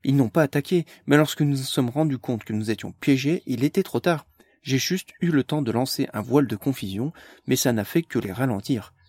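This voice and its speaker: A man's voice: mid-range voice, darkish tone, breathy edge, dry recording. A man voicing a frantic young woman on the run, talking urgently and close to tears.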